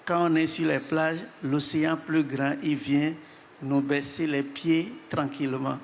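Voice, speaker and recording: A man speaking as a panelist in measured, solemn remarks, pausing for his interpreter. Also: a little high, flat delivery. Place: large hall at an event. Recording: reverberant hall, faint noise.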